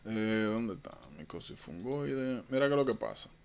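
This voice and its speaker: A man's voice: lowish voice, lively intonation, normal speed, vocal fry, smooth. A man tutoring medical students in an online lecture, informal and thinking aloud, often correcting himself.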